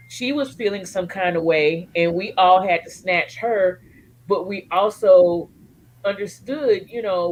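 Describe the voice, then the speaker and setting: A woman's voice: on the low side, darkish tone, slight background noise, rough recording. A woman guest speaking candidly and emotionally about supporting family, earthy and joking in turns. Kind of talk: candid personal storytelling.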